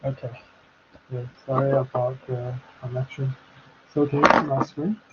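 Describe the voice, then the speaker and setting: A man speaking as a guest over a bad video-call connection, his voice muffled, talking haltingly and checking whether he is heard. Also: mid-range voice, flat delivery, very noisy. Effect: muffled audio over a bad call connection. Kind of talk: online talk, opening remarks.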